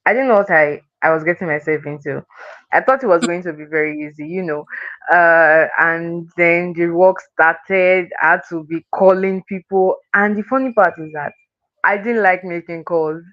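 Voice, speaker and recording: A woman's voice: on the low side, normal speed, no room sound. Chatty woman on a dull stream. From Delta State, Nigeria. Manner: chatty, restarts phrases, laughs often. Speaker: guest, sales closer. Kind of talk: casual interview chat.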